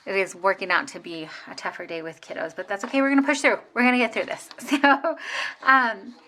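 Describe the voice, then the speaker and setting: Woman in her thirties, bright tone, rambling plan-with-me chat, faint background noise. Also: mid-range voice, fairly quick. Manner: chatty, rambling, many fillers and restarts. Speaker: planner vlogger. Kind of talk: casual plan-with-me narration.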